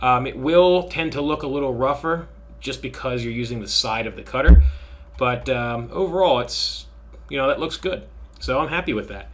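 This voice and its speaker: A man teaching a machining software lesson, talking through each setting in a relaxed, thinking-aloud way with frequent fillers. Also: mid-range voice, normal speed, slight background noise. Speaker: machining instructor. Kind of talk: software tutorial screen recording.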